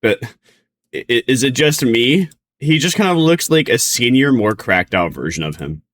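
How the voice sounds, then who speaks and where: A man's voice: mid-range voice, sing-song, moderate pace, a bit bright. A man streaming casual reaction commentary, rambling in a bemused, hesitant way.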